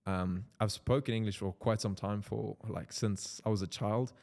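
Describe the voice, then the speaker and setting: Gravelly and darkish, with fairly low pitch and fairly even intonation at normal speed, a young South African content creator vlogs casually in English. He's an Afrikaans speaker with a South African accent, rambling and full of "like" fillers.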